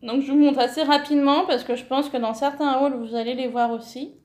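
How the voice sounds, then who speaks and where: Bright, high-pitched woman vlogger, chatty and gushing, self-correcting, relaxed at-home haul. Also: fairly quick, reverberant. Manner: enthusiastic, many fillers, self-correcting. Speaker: scrapbooking vlogger. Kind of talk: casual haul vlog, showing paper.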